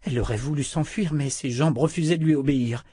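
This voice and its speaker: A man reading a novel aloud as narrator, in a steady measured way. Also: a little high, breathy edge, dry recording, clean studio sound. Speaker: audiobook narrator. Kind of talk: scripted narration.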